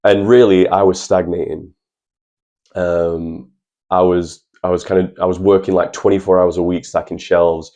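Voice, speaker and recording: A man's voice: deep voice, flat delivery, moderate pace, mellow, highs cut off. A young man giving earnest, chatty advice in a personal vlog, talking straight to the viewers. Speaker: channel host.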